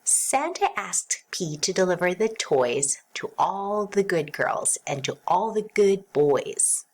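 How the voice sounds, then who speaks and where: A woman reading a rhyming children's storybook aloud as narrator, in an expressive sing-song way. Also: on the low side, slow.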